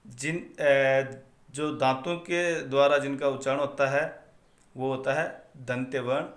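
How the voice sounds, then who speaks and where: A man teaching a Sanskrit phonetics lesson, reciting each grammar rule slowly and then repeating it. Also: mid-range voice, fairly even intonation.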